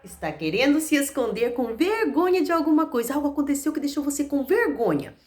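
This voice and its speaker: A woman teacher leading an online class for young children, talking slowly and in an exaggerated sing-song way. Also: high-pitched, big pitch swings, a little mellow.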